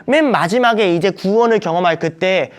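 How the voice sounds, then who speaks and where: A young man teaching a Bible study for church teachers, animated, acting out quoted voices with big jumps in pitch. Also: fairly quick. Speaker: youth ministry preacher teaching teachers.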